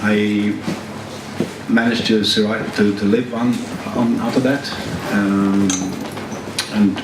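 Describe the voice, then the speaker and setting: A man from Sweden introduces himself on a panel, speaking slowly in a lowish voice with frequent pauses. The sound comes from far away in an echoing hall with background noise. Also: flat delivery. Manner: hesitant, with fillers. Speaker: panel guest, club organizer. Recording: echoey hall, distant, noisy.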